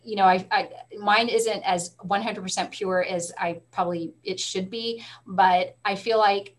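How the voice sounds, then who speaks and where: Middle-aged woman librarian, lively chatty guest, mid-range voice. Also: mid-range voice. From Texas. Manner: animated storyteller, quick asides, frequent laughs. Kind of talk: casual interview talk.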